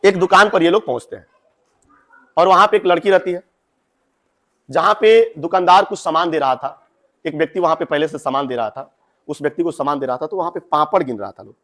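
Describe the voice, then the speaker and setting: Male teacher, young adult, chatty classroom explainer, fairly high voice. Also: brisk, pauses often, fairly bright tone. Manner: chatty, addresses students directly with asides. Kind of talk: explaining a Hindi story to students.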